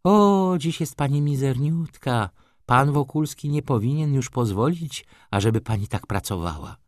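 A man's voice: mid-range voice, expressive, moderate pace, dry recording, studio quality, voice pushed up, lightly acted. A man voicing a fawning merchant's wife in an audiobook, sugary and insinuating.

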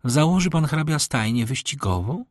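A man's voice: on the high side, expressive, normal speed, no room sound, studio quality, voice pushed up. A man voicing a vain, scornful middle-aged Parisian baroness in an audiobook reading. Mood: capricious. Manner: capricious, scornful, affected.

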